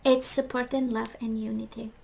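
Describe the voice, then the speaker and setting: A woman with a voice that is going hoarse, chatting casually through a tarot card reading and often asking "right?". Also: fairly high pitch, little pitch movement, normal speed, a little mellow, slight background noise, rough recording. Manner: chatty, reflective, frequent "right?" and "we do have". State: losing her voice, clearing throat. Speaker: tarot reader.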